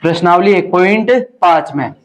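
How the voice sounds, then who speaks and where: A man's voice: high voice, normal speed. A young man teaching a maths class and joking with his students. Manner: teasing and chatty with students. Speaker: maths tutor. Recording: dull lo-fi classroom audio.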